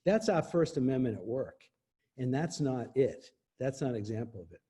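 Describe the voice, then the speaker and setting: A man with a dark, husky voice speaks as an interview guest. He explains things emphatically, with frequent laughs. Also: mid-range voice, expressive, normal speed. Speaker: interview guest, copyright expert. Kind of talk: explanatory casual talk.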